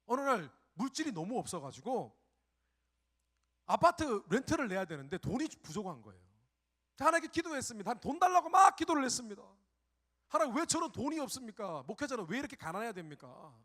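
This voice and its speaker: A middle-aged pastor preaches a sermon in a very high, very animated voice at a fast pace. He swings between hushed reflection and loud, pleading cries, and acts out his own prayers.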